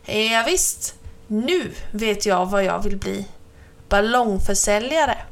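A woman's voice: mid-range voice, expressive, lightly acted. A woman voicing a plump, dreamy young male pig in a children's storybook, musing and self-deprecating. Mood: delighted.

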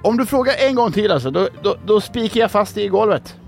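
A man's voice: on the high side, expressive, creaky, faint music behind. A man voicing an impatient male shop clerk in a told joke, sounding exasperated. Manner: exasperated, threatening.

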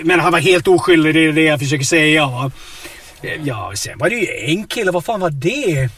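A man telling absurd stories in a deadpan, rambling way inside a car, tagging his lines with questions. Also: fairly high pitch. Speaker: comedic storyteller. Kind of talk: deadpan absurd comedy chat.

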